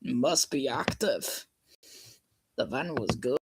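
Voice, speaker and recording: A man's voice: medium pitch, animated, slow. A man hosting a livestream, reading a garbled translated story aloud in a jokey, self-interrupting way, joking between lines. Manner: jokey, self-interrupting, puts on silly voices. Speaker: livestream host. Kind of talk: casual mock reading. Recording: noisy home stream with clicks.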